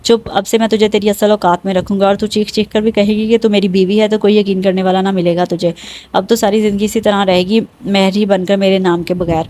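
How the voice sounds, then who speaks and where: A woman's voice: medium pitch, level tone, dark tone, a little hiss or hum, close to an everyday voice. A woman voicing a cruel young landlord. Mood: contemptuous. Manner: contemptuous and threatening.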